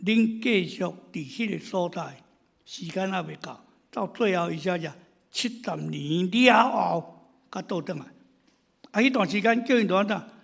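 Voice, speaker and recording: A male pastor delivers his sermon in a high, wildly lively voice, husky and rough at the edges. He tells stories with animation, acting out his congregants' complaints, and moves from loud exclamations to hushed asides. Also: unhurried.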